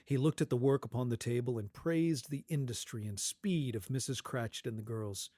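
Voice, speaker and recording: A man's voice: mid-range voice, warm tone, no echo. Man narrating a storybook, very dry sound. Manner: measured, suspenseful. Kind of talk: dramatic scripted storybook narration.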